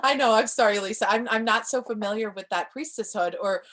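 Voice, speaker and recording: A woman's voice: fairly high pitch, brisk, fairly bright tone. Chatty woman teaching spiritual training. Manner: enthusiastic, chatty, reads viewer comments. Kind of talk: casual live-stream teaching.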